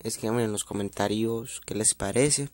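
A man's voice: fairly low pitch, normal speed, darkish tone, no echo. A man closing his video in a casual chat, hesitant and full of fillers, recorded close to the mic. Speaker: youtuber.

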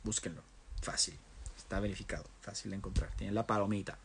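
A man's voice: fairly low pitch, fairly even intonation, brisk, gravelly, a little hiss or hum. A young man, chatting casually on a phone livestream, reading out viewer comments and switching between Spanish and English. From Mexico. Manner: reads viewer comments aloud and answers them in turns. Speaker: livestream host.

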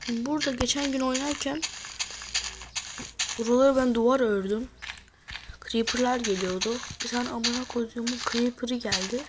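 A woman commenting on her own gameplay in a loose, chatty way, cursing freely and shouting at the monsters on her screen. Her voice sits fairly high, and she bursts into loud excited yells. The recording carries a clear layer of background noise. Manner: swears a lot and scolds the game's creatures. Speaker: gamer. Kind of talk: casual let's-play commentary. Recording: noisy home recording.

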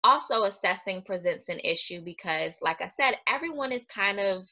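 A woman clinical social worker giving a recorded webinar talk, earnest and explanatory in a steady lecturing manner. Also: mid-range voice, normal speed, muffled recording.

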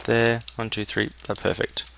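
A young man talks through his game in a low, gravelly voice. He mutters and thinks aloud in a relaxed running commentary, close to a desk mic with a faint hiss behind him. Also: moderate pace. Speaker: gameplay commentator. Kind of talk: casual let's-play commentary.

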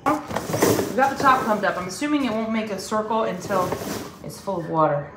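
Woman in her 30s, medium pitch, casual home vlog, thinking aloud, colloquial, echoey room. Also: lively intonation, normal speed. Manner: colloquial, mild swearing. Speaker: vlogger. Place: indoors at home, kitchen and other household rooms. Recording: echoey rooms with clear background noise.

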